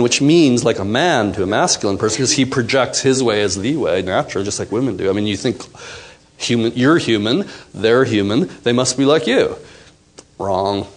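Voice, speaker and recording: A man teaching a live seminar to an audience, acting out quotes and asking the room questions. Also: mid-range voice. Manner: animated, acts out quotes, asks the audience questions. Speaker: workshop teacher.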